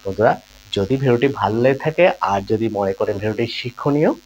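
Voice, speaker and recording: A man's voice: on the low side, fast, a little mellow, a little hiss or hum, poor audio. A man teaching a grammar lesson, patiently explaining rules with examples and often calling his listeners friends. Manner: patient, repeats key points, addresses listeners as friends.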